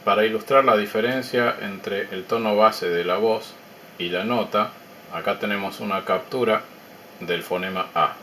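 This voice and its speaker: A faint hiss underlies a man's calm, measured walkthrough of his electronics project. He speaks in a slightly low voice, explaining carefully and pausing between ideas as he narrates the demo.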